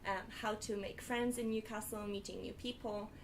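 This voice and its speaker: A young woman hosts a live student panel in an organised, slightly hesitant way, pausing on fillers as she lists topics. Her pitch sits in the middle range. There is faint noise behind her. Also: steady tone. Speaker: panel host. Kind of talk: hosting a live student webinar.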